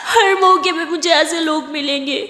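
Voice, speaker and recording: A woman's voice: high voice, normal speed, fairly bright tone. A woman voicing a tearful, hurt young woman who pleads through sobs, in a spoken story. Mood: tearful pleading. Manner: sobbing, pleading. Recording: roomy echo, long reverb.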